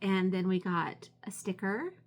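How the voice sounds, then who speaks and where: A woman's voice: mid-range voice, unhurried, slight background noise. A woman chatting casually in a show-and-tell craft vlog, gushing appreciatively over the things she shows. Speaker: craft vlogger.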